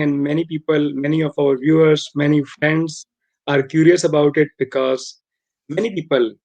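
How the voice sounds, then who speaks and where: A man's voice: on the high side, darkish tone, muffled recording. A man hosting a casual live interview, earnest and repeating and rephrasing his questions as he goes. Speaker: host.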